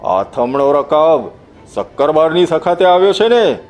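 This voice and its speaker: A brutal pirate chief, voiced by a male narrator hurls harsh, menacing threats with a savage temper. The storybook reading has light music beneath it, and his slightly raised pitch keeps the snarl tense. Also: sing-song, unhurried, darkish tone. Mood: menacing, furious.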